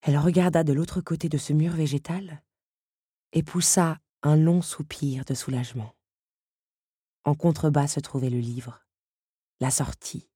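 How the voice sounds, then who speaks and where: A woman reading a storybook aloud with a low, mellow, husky voice. The sound is dry and close, and her narration is dramatic and varied. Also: steady tone, dry recording. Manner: dramatic, varied, quickening in action.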